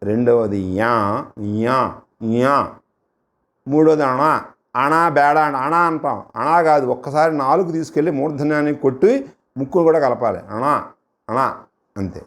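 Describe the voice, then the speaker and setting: A middle-aged man teaching a grammar lesson with a Telugu accent, sounding out syllables slowly and stretching each one. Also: on the high side, a bit bright.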